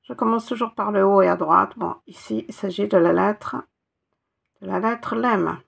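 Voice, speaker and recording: A woman's voice: mid-range voice, normal speed, vocal fry, breathy edge. A woman teaching Arabic letters one by one, patiently spelling out each sound and repeating it. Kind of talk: step-by-step reading lesson.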